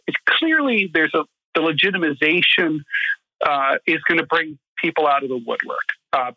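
A man's voice: a little high, no room sound, muffled recording. A man speaking as a guest on a radio interview, thoughtful and full of ums and uhs. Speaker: guest commentator.

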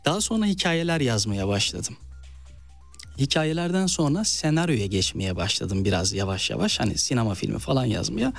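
A man's voice: mid-range voice, a little fast, vocal fry, no echo, soft background music. A man from eastern Turkey with an eastern Turkish accent, a novelist and actor telling stories in an interview and acting out quoted speech. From Malatya, eastern Turkey. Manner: animated storyteller, acts out quoted speech. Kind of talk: interview storytelling.

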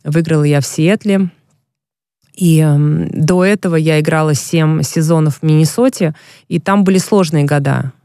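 A former professional basketball player, a woman with a low, warm voice at normal speed, tells long, frank stories about her career as a guest in a casual interview. She's reflective and expansive, and the studio-quality sound has no echo.

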